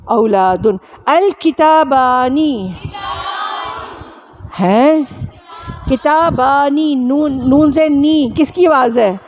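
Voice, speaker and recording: A woman teacher from Pakistan leading a classroom grammar lesson, repeating sounds over and over and firing quick questions at her students. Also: high voice, a little mellow, slight background noise.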